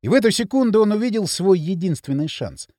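A man narrating an audiobook with an expressive, dramatic reading. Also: high-pitched, quick pace, no room sound, studio quality. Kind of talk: scripted narration.

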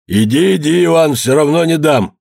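A man voicing a rich, stingy male peasant who answers curtly and shouts in fury, in a raised, husky voice. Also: a little high, lively intonation, moderate pace, no echo, clean studio sound, pitched above the performer's own voice. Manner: curt, shouting.

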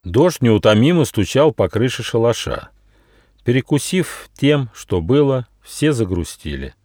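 A man's voice: mid-range voice, a little slow, no echo, studio quality. Man reading a fairy tale aloud. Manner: expressive, switches into many character voices. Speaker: author reading his own book. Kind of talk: storybook narration with character voices.

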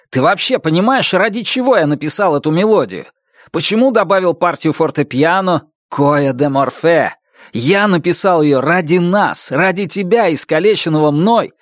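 A man's voice: on the high side, no echo, clean studio sound, pitched above the performer's own voice, close to an everyday voice. A man reading an audiobook voices a stern young male violinist who speaks curtly and commandingly. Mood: bitter. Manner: curt, commanding.

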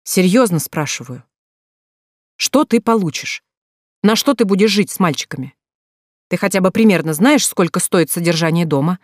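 A narrator voicing a calm, stern older brother who lectures in a level tone in an audiobook. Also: medium pitch, moderate pace, long pauses, no room sound, clean studio sound, lightly acted.

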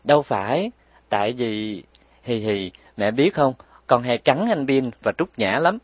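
A man's voice: lively intonation, a little slow, husky, dry recording. A man voicing a playful, stubborn little girl who bites her playmates, speaking cheekily in a raised voice. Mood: cheeky. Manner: pleading, cheeky, raised pitch.

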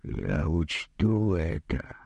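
A man's voice: deep voice, big pitch swings, slow pace, creaky, mellow, husky, dry recording, full character voice. A man voicing a tall, timid, bewildered male plumber who talks in a plaintive, pleading way in a humorous storybook reading.

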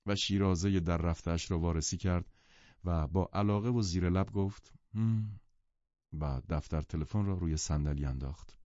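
A male audiobook narrator with a low, dark, mellow voice tells the story in a measured way. The recording is dry, with no room sound. It is also muffled and lo-fi. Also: dry recording. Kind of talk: scripted literary narration.

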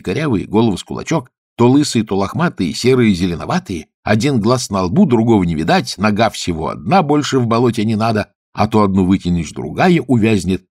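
A man narrating a children's fairy tale in an expressive way, at times hushed. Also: lowish voice, breathy edge, dry recording, studio quality. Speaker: storyteller. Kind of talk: storybook narration.

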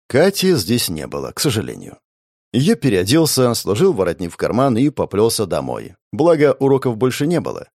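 A man narrating a first-person audiobook in an expressive, dramatic storytelling manner. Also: on the low side, no room sound, clean studio sound.

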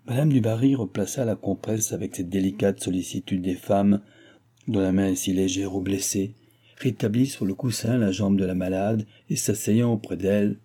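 Homme à la voix sombre et voilée. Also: male voice, lowish voice, warm tone, breathy edge. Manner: measured, literary reading. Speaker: audiobook reader. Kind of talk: scripted narration.

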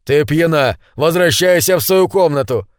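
Loud coarse bully of a husband voiced by a man, yelling, pitched up. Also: lively intonation, normal speed, no echo, clean studio sound, lightly acted. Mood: threatening. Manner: shouting, threatening. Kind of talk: audiobook character voice.

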